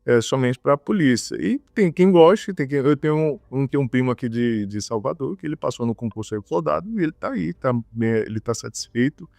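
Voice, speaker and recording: Male interview guest from Bahia, mid pitch, dry sound, lots of fillers. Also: expressive, fairly quick, gravelly, few pauses, a little mellow, no echo. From Bahia, Brazil. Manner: fillers and repeated words. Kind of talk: conversational interview.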